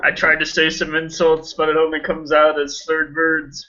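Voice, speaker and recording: A man with a very bright, sharp tone and a slightly high voice, talking through a casual tabletop game. He jokes around and hams up his character's actions. The voice chat audio is dull and lo-fi. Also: monotone, moderate pace. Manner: joking, plays up his character's lines. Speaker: player. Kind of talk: casual tabletop role-play over voice chat.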